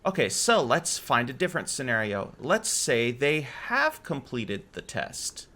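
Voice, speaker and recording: A man hosting a casual game server tutorial, relaxed and correcting his own slips as he goes. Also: medium pitch, unhurried. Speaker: game modding tutorial host. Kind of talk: casual screen-recorded tutorial.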